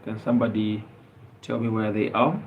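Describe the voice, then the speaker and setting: A man's voice: lowish voice, flat delivery, moderate pace, highs cut off, a little hiss or hum. A man from Zambia hosting a casual live stream, talking earnestly with many fillers and rhetorical questions.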